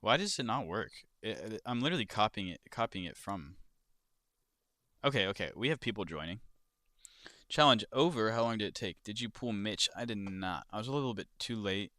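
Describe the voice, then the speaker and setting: A man's voice: fairly low pitch, animated, fairly quick, bright, forceful tone, dry recording, clean studio sound. A young man chatting casually on a livestream, swearing freely and reading out viewer questions as he goes. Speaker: livestreamer and crypto trader.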